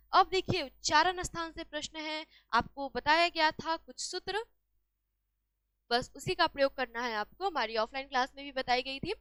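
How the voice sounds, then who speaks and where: Female teacher, high voice, dry close sound, walks students through exam answers with question-and-answer drilling. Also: bright, forceful tone, dry recording. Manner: asks a question then answers it herself. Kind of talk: exam-solution lesson.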